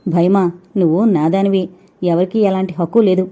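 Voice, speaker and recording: A woman's voice: fairly low pitch, steady tone, moderate pace, dark tone, lightly acted. A woman voicing a young husband who is possessive and sulky, talking in a coaxing way, on a dull lo-fi recording.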